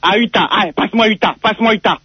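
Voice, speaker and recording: A man's voice: high-pitched, quick pace, breathy edge, no room sound. An indignant man on a heated phone call, insulting the other person and talking over them. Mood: demanding. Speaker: prank call target. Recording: muffled lo-fi radio phone call.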